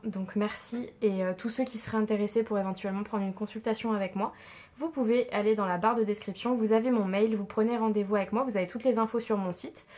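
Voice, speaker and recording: A woman doing a casual tarot card reading for her viewers, chatty and reassuring with many fillers. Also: medium pitch. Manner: chatty, warm and reassuring, frequent fillers and soft laughs. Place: home room, with a tripod-mounted camera.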